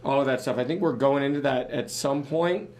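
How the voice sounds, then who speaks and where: A man co-hosting a live business podcast, hoarse from losing his voice, upbeat and joking as he runs through the agenda. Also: medium pitch, fairly quick, a little mellow. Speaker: podcast co-host.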